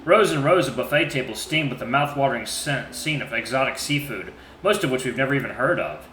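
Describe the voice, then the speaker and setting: A man narrates fiction expressively, with a bright voice and animated melody. The recording sounds roomy, with faint noise behind him. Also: medium pitch, brisk.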